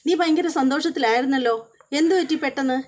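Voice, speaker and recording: A woman's voice: high voice, quick pace, natural voice. A woman voicing an angry young husband who sharply questions his wife and her family. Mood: demanding.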